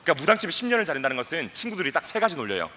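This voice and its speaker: A young man giving a playful, animated talk to a youth camp audience, acting out voices and leading the crowd in chants. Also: on the high side, rapid-fire. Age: young adult. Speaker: guest speaker at a youth camp.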